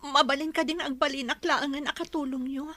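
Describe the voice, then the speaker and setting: In a radio-style drama, a woman with an Ilocano accent plays a weary young mother working as household help, pleading and hurt. Her high voice is bright and forceful, steady in tone and quick, with no room sound.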